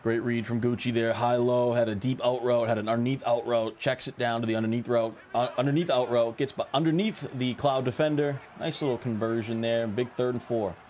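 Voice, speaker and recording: A man's voice: medium pitch, steady tone, brisk, hardly any pauses, darkish tone, a little hiss or hum. A man doing live esports color commentary, analytically breaking down plays and coverage adjustments.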